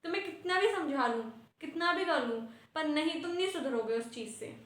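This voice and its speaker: A woman with a high voice plays a strict schoolteacher in a comic sketch. She lectures and scolds her class, and the sound rings in an echoey room. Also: animated, brisk, fairly bright tone. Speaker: sketch performer playing a teacher. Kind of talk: scripted comedy sketch.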